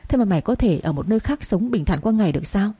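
Woman reader doing an old peasant mother, quick scolding delivery, husky, warm. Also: medium pitch, expressive.

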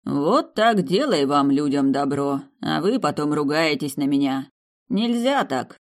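An audiobook reader voicing a mysterious male demiurge who speaks slowly and calmly, gently chiding. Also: medium pitch, creaky. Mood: grumbling. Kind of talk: audiobook character voice.

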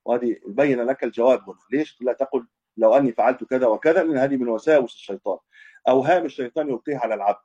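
A man's voice: medium pitch, rapid-fire, mellow, slightly rough. A man teaching a religious lesson as a scholar, explaining hadith and often restating and correcting himself. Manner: explanatory, repeats and restates points, self-corrects. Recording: dull lo-fi recording.

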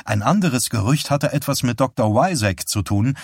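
Calm man reading an audiobook. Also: medium pitch, moderate pace, breathy edge, no echo, clean studio sound. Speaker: audiobook narrator. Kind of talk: scripted narration.

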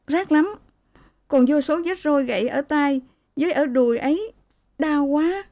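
A woman's voice: moderate pace, lightly acted. A woman voicing a young wife who was beaten, weeping and pained as she speaks. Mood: tearful. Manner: high tearful sobbing pleas.

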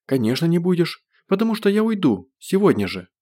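A man's voice: high-pitched, big pitch swings, brisk, warm tone, pitched above the performer's own voice. A man voicing an upset, tearful young woman, pleading and emotional in a raised voice. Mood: angry.

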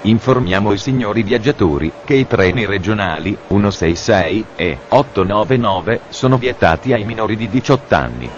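A man making deadpan, formal mock train announcements, as if heard over a train station PA system. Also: lowish voice, moderate pace, hardly any pauses, highs cut off, background noise.

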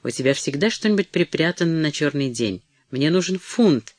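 Man reading as a rude grabby son, curt and bitter, slightly high voice, dry sound. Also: expressive, normal speed, no echo, natural voice. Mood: demanding. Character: rude, scheming young grown son.

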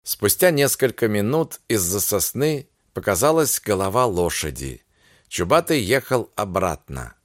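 A male audiobook narrator telling a literary story in a slow, measured way. His pitch moves in lively turns through each sentence. The sound is dry and close, with no room around it. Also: dry recording.

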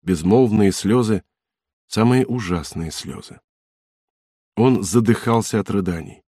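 A man narrating a classic novel as an audiobook, unhurried and calm. His voice is low and husky, recorded close and dry with no room sound. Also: no room sound. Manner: calm, measured storytelling.

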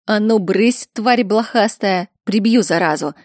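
A woman reading a story aloud, voicing a stern, hot-tempered emperor with a gruff, commanding delivery. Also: lowish voice, unhurried, darkish tone, dry recording, studio quality. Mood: angry.

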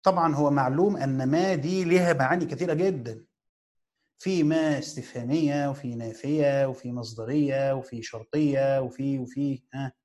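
In a mid-range, darkish voice, a man teaches classical Quran commentary with an Egyptian Arabic accent, keeping the lecture informal. He tends to ask questions and answer them himself, leaving long, drawn-out pauses.

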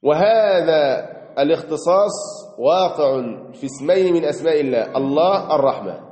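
A man's voice: a little high, lively intonation, moderate pace, darkish tone. Egyptian man teaching in an echoey mosque. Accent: Egyptian Arabic. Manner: explanatory, reads passages aloud then comments, stretches key words. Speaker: Islamic teacher. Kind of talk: mosque lesson commentary on a creed text. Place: mosque hall. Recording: echoey hall with long reverb.

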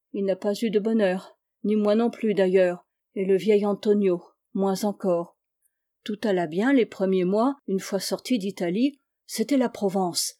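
A woman narrating a literary story as an audiobook, with expressive, dramatic delivery. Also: mid-range voice. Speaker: audiobook reader.

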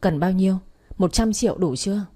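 A woman's voice: medium pitch, a little fast, close to an everyday voice. Woman voicing a betrayed wife in fury. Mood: forced calm. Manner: shouting, demanding accusations. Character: betrayed wife, furious and desperate.

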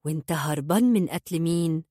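A woman's voice: deep voice, brisk, warm tone, no room sound, studio quality. A woman voicing a flamboyant, boastful young gangster man with an Egyptian accent, reading a storybook. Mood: cocky. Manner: boastful, showy, eager.

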